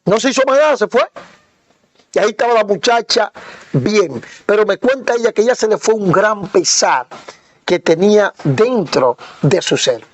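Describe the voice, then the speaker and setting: High-voiced man preaching a testimony. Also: animated, normal speed, no room sound. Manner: storytelling, repetitive, frequent hesitations. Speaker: apostle preacher. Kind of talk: sermon testimony.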